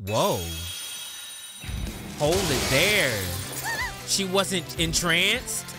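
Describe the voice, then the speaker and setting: A man's voice: on the high side, expressive, drawn-out words. An American man giving casual, slangy and profane anime reaction commentary, full of exclamations. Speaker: reaction video host. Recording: loud music and show audio behind. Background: anime soundtrack music.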